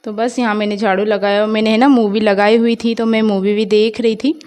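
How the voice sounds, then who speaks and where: A woman's voice: medium pitch, little pitch movement, a little fast, darkish tone, smooth. A young woman from India narrating her home vlog in a rambling, chatty way, full of fillers. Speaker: vlogger. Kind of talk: casual voice-over vlog narration.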